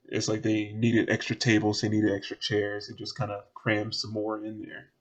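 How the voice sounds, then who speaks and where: A man with a fairly low voice narrates a tabletop game as game master. He rambles in a relaxed way, with many small fillers, as he sets each scene. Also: moderate pace, highs cut off.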